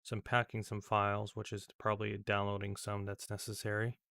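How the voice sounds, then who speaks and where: A man's voice: on the low side, completely flat delivery, fairly quick, creaky, fairly bright tone, clean tone, no echo, clean studio sound. A man giving casual, rambling commentary over a screen recording as a tech vlogger, with many fillers and restarts.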